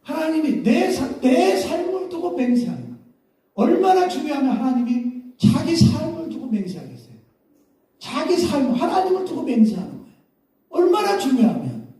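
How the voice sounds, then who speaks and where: A male pastor with a high, dark and mellow voice preaches in a loose, conversational way and slips into the voices of the people in his story. He is recorded from a distance, and a long, roomy echo of the church hall hangs on every word. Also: huge pitch swings, normal speed. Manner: casual storytelling, acting out quoted voices. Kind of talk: sermon. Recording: echoey hall, mic far off.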